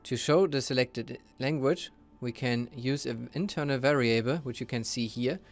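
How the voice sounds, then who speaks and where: A man with a mid-range voice narrates a software tutorial over a screen recording. He explains each step in a steady, methodical way, and faint music sits quietly beneath him. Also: medium pitch, moderate pace.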